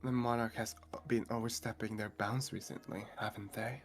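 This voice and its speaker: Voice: mid-range voice, fairly even intonation, normal speed, faint music behind, close to an everyday voice. A player voicing a cunning noblewoman, coaxing and persuasive.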